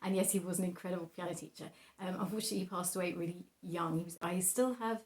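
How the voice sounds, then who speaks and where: A woman's voice: fairly low pitch, steady tone, fast talker. A young adult woman chatting casually as a painter showing her own work, rambling in a giggly, self-deprecating, hesitant way. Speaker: painter presenting own artwork. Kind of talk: casual rambling vlog chat.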